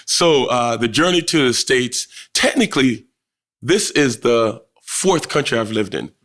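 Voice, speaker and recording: A man's voice: mid-range voice, expressive, a little slow, fairly bright tone. A man in his forties from Jamaica, a town councilman chatting as a podcast guest, friendly, with many fillers and restarts. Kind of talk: casual podcast conversation. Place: office with law books.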